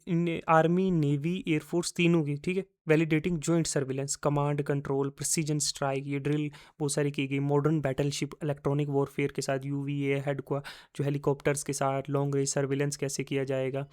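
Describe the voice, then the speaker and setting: A man's voice: fairly high pitch, little pitch movement, moderate pace, hardly any pauses, a little mellow, clear, resonant tone. A man teaching a recorded exam-prep lecture. He talks conversationally, mixes in terms, and asks his own questions before answering them.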